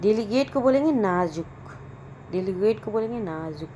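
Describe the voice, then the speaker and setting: A woman teaching English vocabulary, saying each word and its meaning twice in a slow, deliberate drill. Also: mid-range voice, expressive, dark tone, slight background noise.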